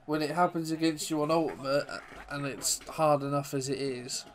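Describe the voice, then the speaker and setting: A gaming YouTuber chats through live commentary on his own football video game, poking fun at himself and erupting with excitement whenever a goal goes in. His voice sits fairly high, and he talks at a normal speed.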